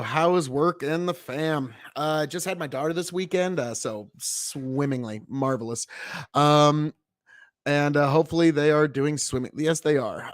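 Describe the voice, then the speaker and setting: A man's voice: a little high, no room sound, clean studio sound. A man in casual online panel banter, talking in a jokey way with mock-dramatic asides.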